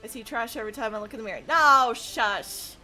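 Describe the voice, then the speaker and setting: A woman livestreamer chatting casually with her viewers in a playful, excitable gamer-girl manner. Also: a little high, very fast, soft background music. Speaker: livestreamer, host.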